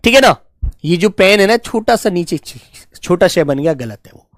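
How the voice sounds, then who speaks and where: A man teaching spelling to a live online class, who stretches each word out slowly and fondly calls his students children. His pitch rises and falls a lot as he explains. The sound is dry and close, with no room echo. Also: expressive. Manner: patient, repeats words slowly, calls students "beta".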